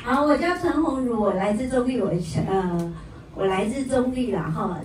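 A woman giving an energetic sales talk at a seminar, her voice booming with heavy echo in a large hall. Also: normal speed, background noise. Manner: energetic, prompts the crowd for replies. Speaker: seminar speaker. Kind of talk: motivational sales talk to an audience. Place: large event hall indoors. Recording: booming echo in a big hall, mic far off.

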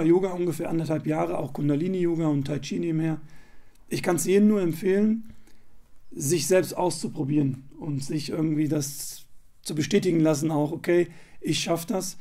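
A man's voice: fairly high pitch, mellow. A man sharing his experience of a meditation retreat, hesitant and searching for words with frequent fillers. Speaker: retreat participant. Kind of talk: casual spoken testimonial.

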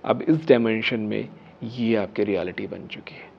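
A husky, creaky, lowish male voice at a moderate pace belongs to a healer in his thirties who hosts videos and earnestly teaches a method to camera. Set against a dark curtain and statue, he emphasizes key phrases and occasionally whispers, captured in dull audio.

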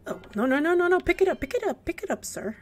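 A young woman gives casual let's play commentary, talking to the game characters in a jumpy, giggly manner. Her very high voice is expressive and quick.

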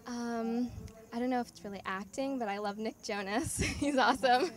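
An eighteen-year-old woman from North Carolina, a young actress answering interview questions in a relaxed, bubbly way with frequent ums. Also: a little high, normal speed. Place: outdoors at an evening event.

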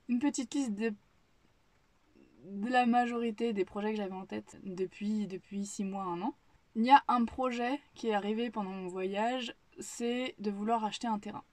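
A woman's voice: medium pitch, darkish tone, no room sound. A young woman from the Paris region chatting casually to camera in her kitchen, thinking aloud with frequent restarts. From Paris region, France. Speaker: vlogger. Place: home kitchen, indoors.

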